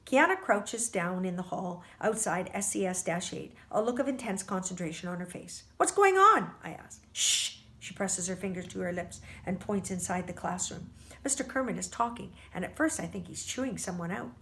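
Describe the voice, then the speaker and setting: A woman reading a novel aloud for a book club, expressive and stumbling now and then over words. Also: lowish voice, fairly quick.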